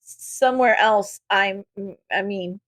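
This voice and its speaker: A woman's voice: mid-range voice, dry recording, lightly acted. A woman voicing an anxious, guilt-ridden teenage boy who stammers and halts as he speaks. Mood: nervous guilt. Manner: stammering, halting.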